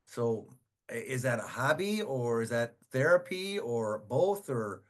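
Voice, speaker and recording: A man's voice: medium pitch, big pitch swings, measured pace. A man interviewing his guest, asking friendly questions with some hesitation.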